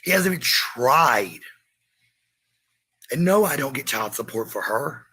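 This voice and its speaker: In a mid-range, bright voice with a forceful tone, a livestreaming parent rants in anger, expressive yet unhurried. He's combative, curses heavily, and repeats phrases for emphasis.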